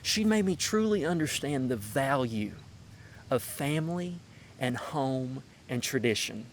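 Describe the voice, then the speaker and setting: Unhurried and expressive, a mid-range male voice from the mountains of Madison County, North Carolina, delivers a prepared introduction like a folksy story, leaning hard on emphatic phrases in a Southern Appalachian accent. Slight background noise is audible.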